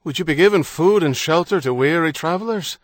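A man voicing a bold, cheerful Irish trickster with an Irish accent who calls out loudly and heartily. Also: fairly high pitch, brisk, no room sound, clean studio sound, voice pushed up, close to an everyday voice. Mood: hearty. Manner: loud, hearty calling out.

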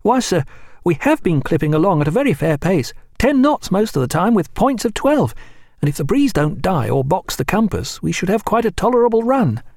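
A man voicing an eager, deferential young naval officer, brisk and polite. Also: high voice, very animated, gravelly, a little mellow, dry recording, studio quality, pitched above the performer's own voice, full character voice.

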